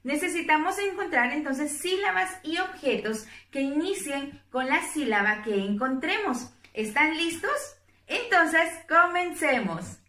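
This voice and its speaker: A woman teaching young children a phonics lesson, speaking slowly in an encouraging, sing-song way and drawing out each syllable. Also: high voice, lively intonation, sharp tone, recorded from a distance. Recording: roomy echo, a bit off-mic.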